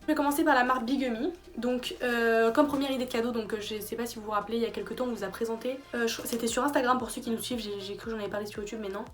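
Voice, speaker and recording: Chatty fast-talking young woman vlogger. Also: fairly high pitch, steady tone. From France. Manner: chatty, rambling with many fillers and restarts. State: tired late at night. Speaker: YouTuber. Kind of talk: casual gift-idea vlog. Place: small bedroom.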